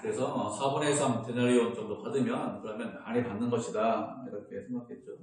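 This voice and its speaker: A man's voice: medium pitch, steady tone, fairly quick, a little mellow. A man preaching a sermon as a pastor in a conversational way, now and then acting out people's complaints. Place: church sanctuary. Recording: very echoey church hall.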